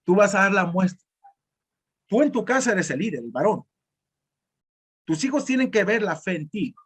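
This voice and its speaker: A man's voice: high-pitched, very animated, moderate pace, slightly rough. A man preaching a sermon as pastor in northern Mexican Spanish, talking directly and conversationally to the congregation.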